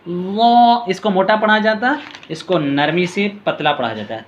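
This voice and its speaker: A man teaching letter reading step by step. He calls out each letter name in a long, drawn-out tone, then explains quietly in a lower voice. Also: very animated, lo-fi sound, slight background noise. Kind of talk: patient step-by-step reading lesson.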